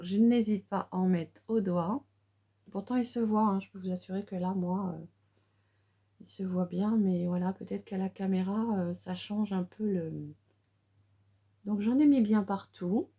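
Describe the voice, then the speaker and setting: A woman's voice: mid-range voice, warm tone, husky. A middle-aged woman chatting through a casual makeup tutorial, with many fillers and restarts. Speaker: beauty vlogger.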